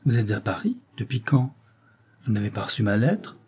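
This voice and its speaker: A man's voice: lowish voice, big pitch swings, moderate pace, darkish tone, a little hiss or hum. A man reading as a courteous journalist. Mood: eager, polite. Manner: courteous, eager questions. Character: polite, smooth male journalist.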